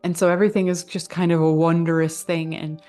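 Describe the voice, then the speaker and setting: A woman's voice: on the low side, little pitch movement, a little fast, darkish tone, soft background music. A woman vlogger in casual heartfelt talk, earnest and gushing, full of fillers.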